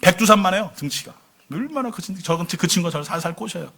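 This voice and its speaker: A man's voice: sits high, expressive, quick pace, gravelly, pushed and bright, husky. A middle-aged man preaching a sermon to his congregation, telling his story with questions thrown to the listeners. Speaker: pastor. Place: church sanctuary.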